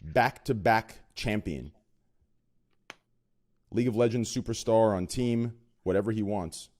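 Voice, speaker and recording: With a lowish, slightly mellow voice and a somewhat slow delivery, a podcast host chats casually. His guest introductions wander through nervous jokes and lots of filler words.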